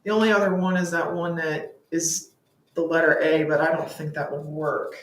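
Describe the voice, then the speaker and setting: Understated woman co-host with dry humor, somewhat low voice. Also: flat delivery, moderate pace. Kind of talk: livestream craft demonstration. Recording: roomy echo.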